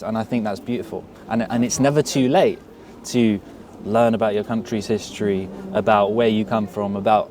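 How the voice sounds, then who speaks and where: This interview guest, raised in England, has an English accent and a medium-pitched, darkish voice. Speaking casually at a street event outdoors, he reflects earnestly and repeats words as he works through his thoughts, with slight background noise present.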